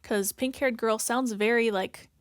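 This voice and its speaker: A woman's voice: fairly high pitch, fairly even intonation, measured pace, no echo, studio quality. A woman hosting a reaction video, rambling casually, filling her talk with "like" and "if that makes sense" as she searches for words. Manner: thinks aloud, searching for words.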